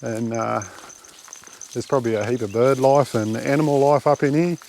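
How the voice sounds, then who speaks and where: An Australian man vlogging outdoors on a bush track, chatting in a relaxed, rambling way with lots of fillers into a handheld camera mic. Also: medium pitch, normal speed, creaky, a little hiss or hum. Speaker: camping vlogger. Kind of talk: casual walking commentary.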